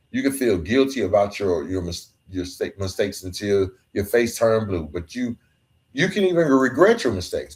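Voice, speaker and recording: In a solo motivational monologue, a podcast host talks earnestly and emphatically in casual language, sometimes fumbling his words. His voice is lowish with a darkish tone.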